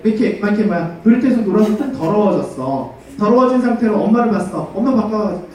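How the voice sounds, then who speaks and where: Animated man preaching to kids in an echoey hall. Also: sits high, fast, background noise. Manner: animated, asks kids questions, leads call-and-response. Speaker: children's pastor. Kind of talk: children's sermon. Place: church hall. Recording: echoey church hall, far from mic.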